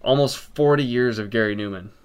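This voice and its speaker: A man's voice: mid-range voice, brisk, clear, resonant tone. A man co-hosting a podcast, chatting casually about music and rambling with frequent ums and restarts. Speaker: podcast co-host.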